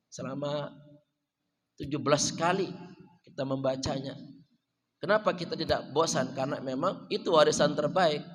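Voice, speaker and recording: A man with an Indonesian accent delivers a mosque sermon in a slightly raised voice. He lifts his words loudly for emphasis, then sinks into soft phrases, often putting questions to the congregation. A long hall reverb trails every line. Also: on the high side. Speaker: preacher.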